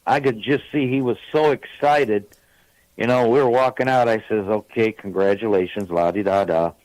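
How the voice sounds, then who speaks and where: A man's voice: mid-range voice, normal speed, a little mellow, no room sound, low-quality recording. A man in his sixties calling in to a radio show, telling long, rambling stories full of fillers. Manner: rambling, chatty storytelling with many fillers. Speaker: caller. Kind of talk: casual call-in chat.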